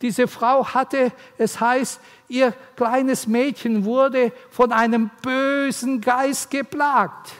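In a church hall, a man preaches an earnest, pleading sermon to mothers, his delivery swelling and dropping, with long hall reverb on the recording. His voice is very high-pitched, level in tone and slow, with hardly any pauses.

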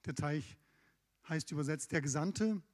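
A man preaches a sermon, retelling a scripture story in his own casual words. His voice sits a little high, and he is heard in a hall with a long, lingering echo. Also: a little slow. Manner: conversational, lively retelling of scripture with asides.

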